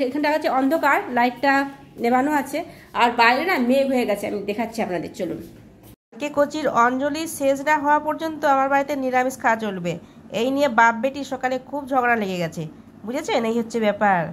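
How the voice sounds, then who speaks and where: Brief: middle-aged woman, high voice, chatty home-cooking vlogger, echoey kitchen. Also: fairly bright tone. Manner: chatty, often asks "all right?" to viewers. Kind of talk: casual home vlog chat.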